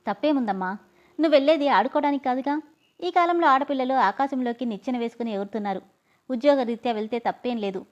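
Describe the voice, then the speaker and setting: A woman voicing a gentle, fond older uncle who advises his niece in a soothing, fatherly way. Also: extremely high pitch, fast. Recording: dull lo-fi audio.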